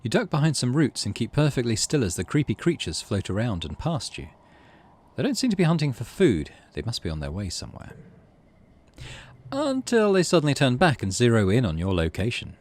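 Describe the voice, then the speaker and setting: Hosting a let's play, a middle-aged man reads the game text expressively while muttering casual remarks to himself. His mid-range voice is a little mellow, moves briskly, and swings wildly in pitch. He runs a gaming channel.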